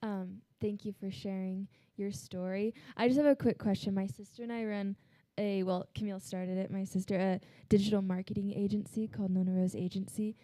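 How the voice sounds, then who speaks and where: A woman from the audience poses a question to the speaker, polite and slightly hesitant. Her voice is mellow and sits close, with a dry sound. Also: medium pitch, fairly even intonation, fairly quick, dry recording. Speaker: audience member asking a question.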